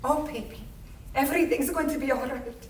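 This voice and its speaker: A woman's voice: sits high, brisk, slight background noise, voice pushed up, close to an everyday voice. A woman acting out a troubled young mother giving up her baby, crooning a lullaby and pleading, on an echoey stage heard from a distance. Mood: tender crooning.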